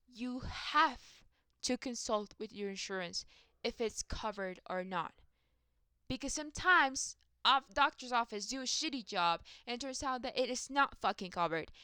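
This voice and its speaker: A woman's voice: a little high, bright, forceful tone, clear, resonant tone, no room sound, studio quality. A young adult woman in a rambling, profane, self-mocking casual rant about her work. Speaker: vlogger.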